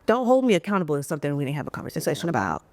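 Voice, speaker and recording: A woman co-hosting a podcast in casual chat, animated, acting out quoted exchanges and laughing often. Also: low voice, rapid-fire. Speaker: podcast co-host.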